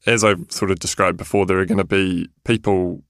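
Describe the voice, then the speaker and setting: Deep-voiced male interviewer, dry close sound. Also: little pitch movement, brisk, no room sound. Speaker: podcast producer and interviewer. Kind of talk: interview questions.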